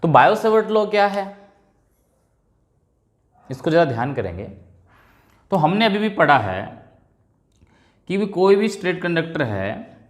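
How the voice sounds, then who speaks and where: A man with a fairly high, lively voice teaches a physics lesson. He explains step by step and repeats each key term. The room around him is echoey. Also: measured pace, long pauses. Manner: explains step by step, repeats key terms, mixes Hindi and English. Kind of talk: classroom physics lecture.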